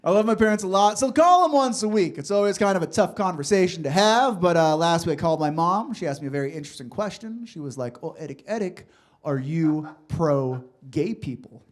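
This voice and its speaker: A man in his thirties from Los Angeles doing a stand-up comedy set in a club, with deadpan punchlines and chatty asides to the crowd. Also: high voice, quick pace, few pauses. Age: 30s.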